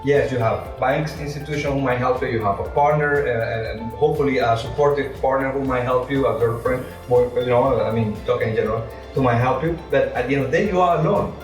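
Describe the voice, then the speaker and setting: Echoey man, English speaker. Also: medium pitch. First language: not English. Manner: halting, repeats words, explains with rhetorical questions. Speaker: entrepreneur being interviewed. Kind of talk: interview answers. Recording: echoey room, distant mic, music.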